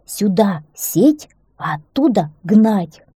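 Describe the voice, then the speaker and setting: A woman voicing a small, thoughtful male hedgehog who speaks calmly in a storybook tale. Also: medium pitch, slow, breathy edge, no echo, clean studio sound, voice pushed up, exaggerated voice. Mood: earnest.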